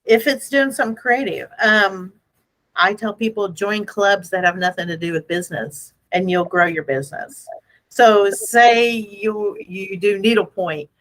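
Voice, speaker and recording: A woman hosting a casual motivational business chat in an animated, playful, self-deprecating way, repeating phrases for emphasis. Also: medium pitch, unhurried, low-quality recording. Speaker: host.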